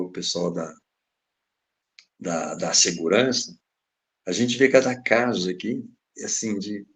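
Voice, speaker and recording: A man with a Brazilian Portuguese accent giving a spiritist lecture, telling stories and acting out the voices in them. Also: medium pitch. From Minas Gerais, Brazil. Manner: animated, acts out the voices in his stories. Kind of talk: religious lecture with storytelling.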